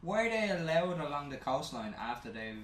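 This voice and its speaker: A man co-hosting a casual gaming podcast, blunt and quick to swear. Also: fairly high pitch, very animated. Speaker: podcast co-host. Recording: roomy with faint hiss.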